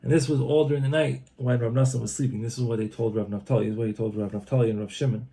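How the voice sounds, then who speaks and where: Gravelly dark-voiced man retelling a text. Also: medium pitch, fairly even intonation. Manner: translates as he reads, halting with restarts. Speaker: reader retelling a religious text. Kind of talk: loose spoken retelling of a book. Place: Old City of Tzfat, Israel.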